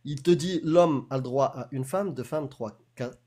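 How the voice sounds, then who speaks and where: A man's voice: mid-range voice, unhurried, warm tone. A man running a heated live debate, pressing and mocking his opponent and talking over him. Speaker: debate host.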